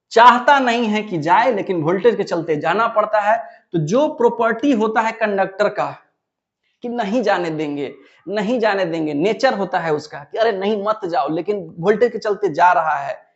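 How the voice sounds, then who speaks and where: A man's voice: high-pitched, dull audio. A man teaching a physics lesson, who asks the class questions and then answers them himself. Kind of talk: classroom lecture.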